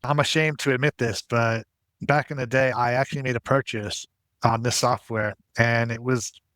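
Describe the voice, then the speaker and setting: A man's voice: medium pitch, fairly even intonation, moderate pace, fairly bright tone, no room sound. A man narrating a tutorial as its host in a casual, explanatory style.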